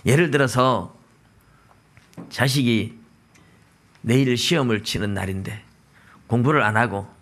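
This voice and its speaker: A man's voice: mid-range voice, unhurried, pauses often. A male pastor with a Gyeongsang Korean accent preaching a sermon in church, acting out dialogue in different voices. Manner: acts out dialogue in lively voices.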